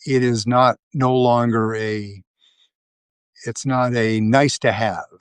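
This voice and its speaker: A man's voice: medium pitch, steady tone, takes it slowly, clear, resonant tone, no room sound. A man hosting a live video, talking through casual commentary, rambling with lots of fillers and restarts. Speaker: livestream host.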